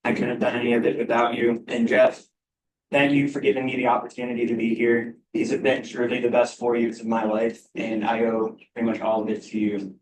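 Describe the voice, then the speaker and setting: A man in his twenties giving a grateful farewell speech to his team, halting with many uh's. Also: mid-range voice, little pitch movement, background noise. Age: 20s. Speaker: senior athlete giving a speech. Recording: roomy, from a distance.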